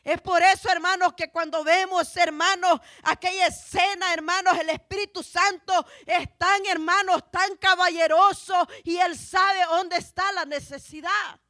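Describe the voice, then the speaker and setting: A woman preaches a fervent church sermon, calling her listeners brothers and sisters and stretching out every phrase. Her voice sits very high and her pace is slow and deliberate, and she breaks into shouts at the key points. The sound is dry and close. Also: fairly even intonation, no echo. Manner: fervent, drawn-out delivery, peppered with "hermanos" and "aleluya".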